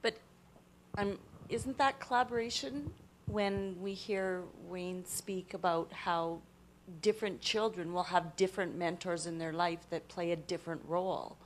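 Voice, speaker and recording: A woman's voice: fairly low pitch, steady tone, a little slow, a little hiss or hum. A woman from a workshop audience, asking a tentative question. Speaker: workshop participant.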